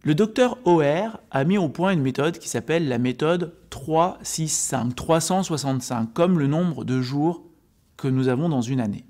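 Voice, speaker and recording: Guy, kinda higher voice, coach explaining stuff step by step in a casual video. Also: lively intonation, normal speed, dark tone. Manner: didactic, step-by-step explaining, addressing the viewer informally. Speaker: health and sports coach presenting a video. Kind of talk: informal explanatory talk to camera.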